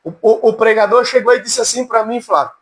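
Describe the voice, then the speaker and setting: A man's voice: steady tone, brisk. A man teaching an informal Bible class, folksy and humorous, calling on his students by name. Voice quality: high, cracked voice. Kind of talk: informal church class lecture.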